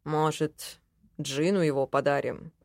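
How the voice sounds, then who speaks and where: A woman voicing a calm, sardonic adult male elf in an audiobook, with a dry, measured delivery. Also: sits low, no echo, pitched below the performer's own voice. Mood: musing. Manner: dry, measured, mildly mocking. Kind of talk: audiobook character voice.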